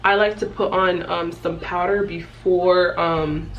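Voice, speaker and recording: A woman's voice: on the low side, steady tone, takes it slowly, dull audio. Young woman chatting through a makeup tutorial. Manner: self-deprecating, playful. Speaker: beauty vlogger giving a makeup tutorial. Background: music.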